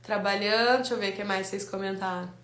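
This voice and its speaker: A woman teaching literacy in a live online class, lively and quizzing her viewers. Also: medium pitch, fast, roomy sound. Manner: lively, asks viewers questions.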